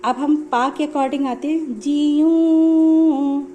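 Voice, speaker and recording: A woman's voice: a little high, lively intonation, unhurried. A woman music teacher explaining notes step by step in a patient, repetitive way. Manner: patient, explanatory, repeats points.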